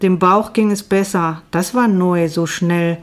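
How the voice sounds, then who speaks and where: A woman reading a first-person novel aloud in a measured, dry narrating voice. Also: fairly low pitch, fairly even intonation. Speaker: audiobook reader.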